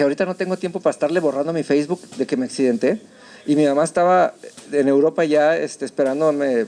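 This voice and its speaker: A man with a Mexican Spanish accent preaching a sermon, telling a story with animated, acted-out voices. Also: on the high side. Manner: animated storytelling, acting out his own shouts. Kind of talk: sermon testimony. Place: church.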